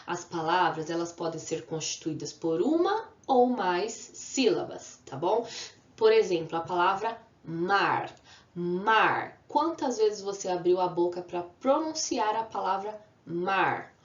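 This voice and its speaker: Slow and fairly low-pitched, a woman with lively intonation gives children a video lesson. She patiently draws out example words, posing questions to the class and supplying the answers herself. The recording has an echoey, slightly muffled quality.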